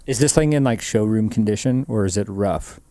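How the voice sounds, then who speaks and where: A man's voice: on the low side, brisk, mellow, no room sound. A man co-hosting a podcast in casual chat, curious and asking many questions. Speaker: podcast co-host.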